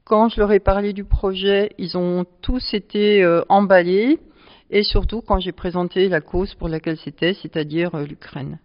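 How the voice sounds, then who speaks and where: A woman's voice: medium pitch, steady tone, normal speed, no echo. Woman, club president, interview answers, explanatory, hesitant, dull lo-fi sound, dry close mic. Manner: explanatory, speaks at length with frequent hesitations.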